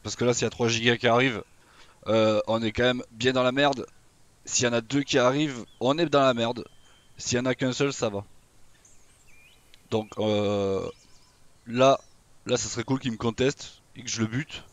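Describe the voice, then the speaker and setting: A man giving live gameplay commentary on a survival game, excitable and taunting his opponents in casual slang. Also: medium pitch, moderate pace, pauses often, dry recording. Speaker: gamer playing a dinosaur survival game.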